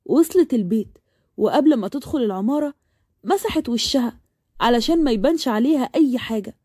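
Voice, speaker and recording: A woman's voice: on the high side, a little fast, slightly rough, no room sound, studio quality. A woman with an Egyptian accent narrating a romantic story expressively. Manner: expressive narration with acted dialogue.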